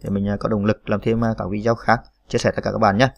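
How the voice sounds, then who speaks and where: A man's voice: on the low side, little pitch movement, fast, creaky, dry recording, studio quality. A man hosting a computer typing tutorial, spelling out keys letter by letter with frequent "à" fillers. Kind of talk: screen-recorded typing tutorial.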